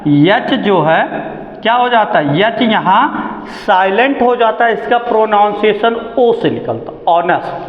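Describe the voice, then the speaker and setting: Slow, high-voiced man teaching grammar. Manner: asks the class questions and answers them himself; slow and deliberate, stretching out key words. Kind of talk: classroom grammar lesson. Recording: echoey, dull lo-fi classroom recording.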